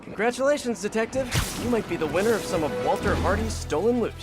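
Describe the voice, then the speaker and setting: A man's voice: high voice, animated, quick pace, over loud music. An American man playing a quippy, earnest young superhero in a video game, talking in a wry, casual way. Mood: wry, focused. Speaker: video game lead character. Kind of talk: video game voice acting, conversational.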